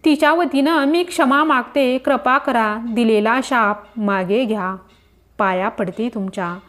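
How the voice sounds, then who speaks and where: A woman's voice: on the high side, unhurried, fairly bright tone. A woman reading as a remorseful young princess. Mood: pleading. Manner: earnest, begging forgiveness.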